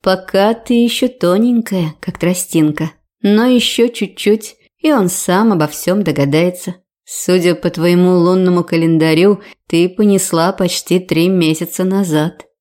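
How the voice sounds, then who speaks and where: A woman voicing an older female mentor who is stern but motherly, speaking in a measured, firm way. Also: on the low side, darkish tone, natural voice.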